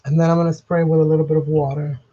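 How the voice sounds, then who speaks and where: Her voice is low and flat, and she races along with a warm tone as she hosts a live crafting tutorial at her home desk. Chatty, rambling and sniffly, she seems under the weather. The overhead camera keeps her off-frame, and the sound is dull.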